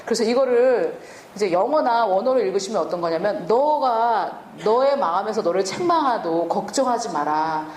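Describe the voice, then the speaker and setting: A woman's voice: mid-range voice, expressive, normal speed, darkish tone, reverberant. A woman preaching a sermon and teaching from the Bible, asking the listeners questions and answering them herself.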